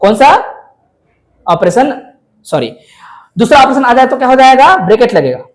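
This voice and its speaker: A man's voice: extremely high pitch, sing-song, moderate pace. A male math teacher lecturing a class, coaxing his students with frequent questions.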